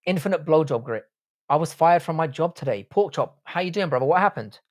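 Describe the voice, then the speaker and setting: Reading his stream's chat, a young man from Ireland who grew up in the UK answers with crude, blunt humor. He talks fairly fast in a higher voice with lively intonation.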